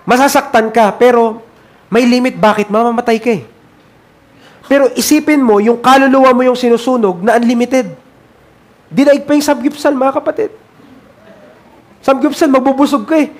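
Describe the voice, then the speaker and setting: A Filipino man preaching a sermon in a church, emphatic and repetitive, swinging between loud urgency and quiet earnestness. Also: very high-pitched, steady tone, normal speed, pauses often. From Philippines.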